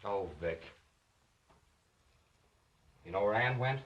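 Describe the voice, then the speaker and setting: A man's voice: fairly low pitch, takes it slowly, dull audio. An actor playing a weary, earnest young heir who is exasperated with his controlling family, in a 1930s film melodrama. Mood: indignant. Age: young adult.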